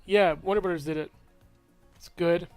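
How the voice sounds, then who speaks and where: A young man chatting through movie reviews in a rambling, offhand way, laughing to himself. His voice sits fairly high for a man. The sound is dry and close to the mic, with faint music underneath. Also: fairly even intonation, moderate pace, smooth, no echo. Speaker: movie reviewer, channel host. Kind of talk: casual movie review chat.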